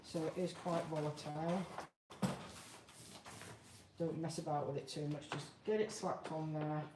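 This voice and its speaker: A woman's voice: low-pitched, fairly even intonation, unhurried. A woman in her fifties hosting a live craft tutorial in a plain-spoken, chatty, informal way. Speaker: craft demonstrator, live show host. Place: large open workshop, indoors. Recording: roomy, noisy workshop, far from mic.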